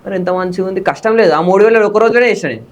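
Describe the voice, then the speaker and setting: A young man, a content creator in a casual interview, talking fast and excitably. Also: high-pitched, lo-fi sound. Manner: fast, excitable, bursts into loud dramatic dialogue delivery. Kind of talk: casual interview with acted film dialogue.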